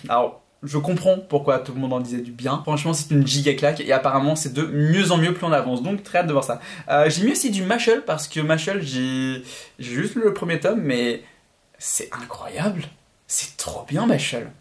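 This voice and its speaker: A man's voice: fairly high pitch, a little fast. A young man talking casually and enthusiastically in a vlog, rambling with many fillers and restarts. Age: young adult. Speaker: YouTuber.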